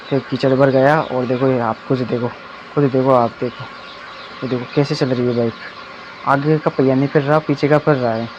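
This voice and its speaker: A young male vlogger with a mid-range voice gives casual, loose commentary while outdoors on a muddy dirt road, repeating himself and often saying "ye dekho" and "bhai." It's captured on a phone camera, so the audio is dull and lo-fi with loud outdoor noise.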